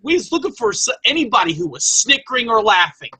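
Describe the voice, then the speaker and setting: Podcast co-host, lively swooping pitch, breathy tone, swears casually. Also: fast. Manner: animated storyteller, swearing freely. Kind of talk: casual chat.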